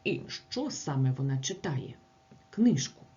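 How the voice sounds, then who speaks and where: A woman's voice: extremely low pitch, big pitch swings, unhurried, dark tone, dull audio. A woman teacher explaining grammar by asking short questions and answering them herself.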